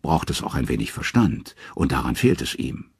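A man's voice: rumbling low, very animated, moderate pace, vocal fry, a little mellow, slightly rough, no room sound, clean studio sound, pitched below the performer's own voice, exaggerated voice. A man voicing the talking severed head of a wise old male advisor, grumbling as he explains.

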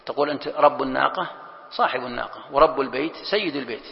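A man's voice: mid-range voice, racing, gravelly, big-room sound, muffled recording. A man teaching a Quran commentary lesson, explaining step by step and repeating key phrases.

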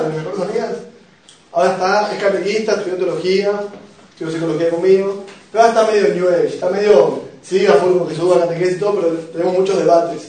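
A man's voice: sits high, darkish tone. A young man with a Rioplatense Argentine accent, preaching to a youth group with jokes, personal stories and questions to the audience. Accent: Rioplatense Argentine Spanish. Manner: joking, emotional storytelling, asks the audience questions. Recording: very echoey room, voice picked up from a distance.

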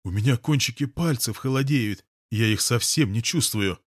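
Audiobook: male reader as a stubborn, tearful young woman, snappish, slightly higher voice. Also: moderate pace, breathy edge, no room sound, studio quality, natural voice. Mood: upset. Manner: sharp, petulant, tearful. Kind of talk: audiobook character voice.

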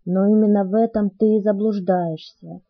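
A woman voicing a brooding, soft-spoken teenage boy in an audiobook, speaking in hushed, measured tones. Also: mid-range voice, steady tone, breathy edge, highs cut off.

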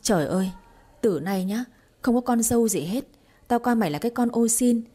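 Woman putting on a nasty older mother-in-law, shrill, fast, yelling at everyone, husky storybook voice. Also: close to an everyday voice. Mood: scolding. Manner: shrill, scolding, rapid-fire.

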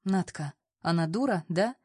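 A woman's voice: lowish voice, animated, unhurried, darkish tone, slightly rough, no room sound. A woman doing a bossy girlfriend in a story, blunt and teasing, dry close sound. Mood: scolding. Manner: teasing, scolding. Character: brash blunt young woman friend.

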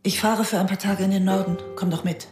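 An actress playing an anxious middle-aged mother who dreads bad news, speaking in a hushed, often half-whispered, tense way in a radio drama. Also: medium pitch, fairly even intonation, brisk, natural voice. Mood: pleading. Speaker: lead character and inner narrator. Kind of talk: German radio drama acting. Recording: loud music bed under studio voice.

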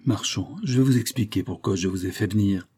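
A man reading an audiobook, voicing a resolute old grandfather who reasons in a measured, firm way. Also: fairly low pitch, mellow, slightly rough. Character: grave, resolute grandfather, protective and calm.

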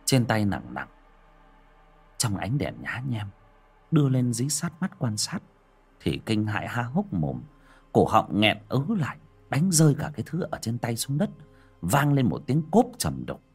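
A man narrating a village ghost story in an expressive, dramatic style. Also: mid-range voice, unhurried, pauses often, breathy edge, faint music behind. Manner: expressive, swooping delivery.

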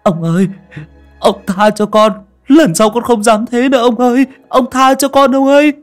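A man's voice: very high voice, fairly even intonation, moderate pace, faint music behind, pitched above the performer's own voice. A man voicing a young male servant who wails and pleads for mercy in a told story. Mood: begging wailing. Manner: wailing, pleading.

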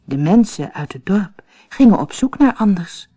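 A woman narrating a fairy tale for an audiobook in a slow, expressive storytelling manner. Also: mid-range voice.

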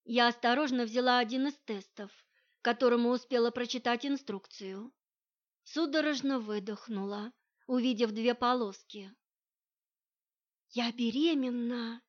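A woman narrating a story in the first person in a steady, even reading voice, recorded with dull lo-fi audio. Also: a little high, moderate pace.

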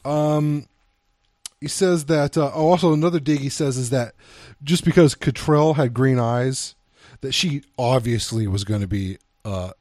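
Halting man in a dry-sounding film chat. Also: mid-range voice, a little mellow, no echo. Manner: halting, hesitant, thinking aloud. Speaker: podcast co-host. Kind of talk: casual film discussion.

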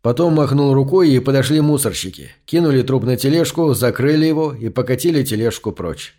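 A man narrating a science fiction story in a steady, measured audiobook reading. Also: medium pitch.

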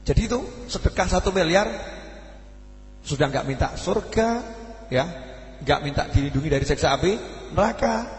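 Male preacher, Javanese accent, animated sermon voice, roomy echo. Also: a little high. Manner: animated, asks the audience questions; mixes in Javanese phrases. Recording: echoey hall with long reverb.

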